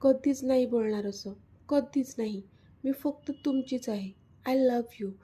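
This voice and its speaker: A woman's voice: high voice, a little slow, mellow, slightly rough. A woman voicing a pouting, tearful young woman in a storybook love story. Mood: tender. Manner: pouting, pleading.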